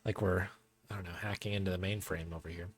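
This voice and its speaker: A man's voice: low voice, fairly even intonation, quick pace. A man streaming a video game, making joking, rambling asides. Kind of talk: casual let's-play commentary. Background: faint game music.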